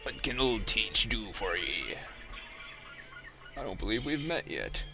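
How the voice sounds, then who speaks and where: A man's voice: lowish voice, sing-song, measured pace, creaky, over music, heavily acted. Man putting on a crusty pirate captain. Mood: gruff hearty. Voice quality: put-on silly pirate accent. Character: crusty salty male pirate ship captain.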